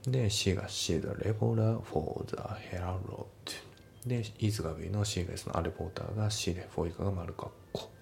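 A man tutoring for an English test, explaining each answer and its pronunciation step by step in a relaxed, casual way. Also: deep voice, fairly quick, creaky, few pauses, a little hiss or hum.

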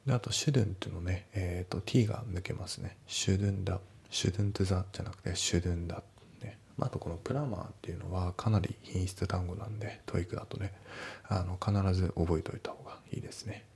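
A man tutoring English test questions in a relaxed, explanatory way with frequent filler words. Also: sits low, brisk, creaky, slightly rough. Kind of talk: casual spoken lesson.

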